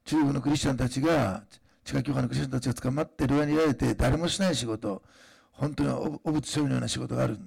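A man preaching a sermon in a conversational way, pausing often with fillers and then rising into emphatic declarations. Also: mid-range voice, vocal fry, a little mellow, slightly rough. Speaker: pastor.

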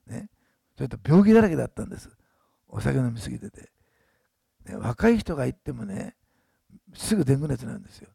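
Gravelly-voiced older man preaching fast. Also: mid-range voice, warm tone, no echo, clean studio sound. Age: 60s. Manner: chatty storytelling, frequent tag ね. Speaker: pastor. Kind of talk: sermon testimony.

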